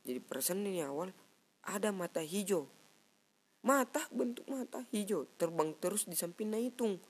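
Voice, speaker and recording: A young man from South Sulawesi with a Makassar Indonesian accent, telling a story in casual chat on a cheap headset mic, animated and acting out sounds. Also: high voice, normal speed. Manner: animated, mimics sounds and acts out friends' lines. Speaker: guest storyteller.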